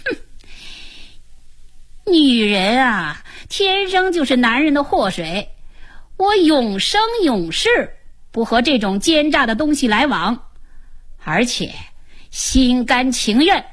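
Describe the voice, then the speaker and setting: A woman's voice: high-pitched, big pitch swings, slow pace, pauses often, exaggerated voice. A woman voicing a stubborn, foolish man who grumbles with scorn in a radio drama story. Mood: indignant.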